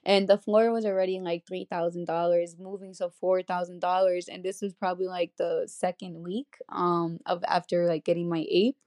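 A woman's voice: on the low side, little pitch movement, moderate pace, hardly any pauses, a little mellow, no room sound, clean studio sound. A young woman, a podcast guest, telling stories in casual chat with many fillers. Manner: chatty storytelling with many fillers.

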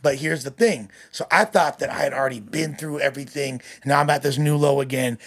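A man in a candid podcast conversation. He talks in street slang with plenty of swearing, pushing his points with emphatic, bro-style hype. His voice sits at a middling pitch. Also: fairly quick, breathy edge. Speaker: podcast guest. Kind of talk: casual, candid podcast talk.

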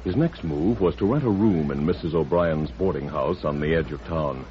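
A man giving dramatic, deliberate scripted narration for a vintage radio serial. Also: extremely low pitch, expressive. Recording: dull vintage radio recording.

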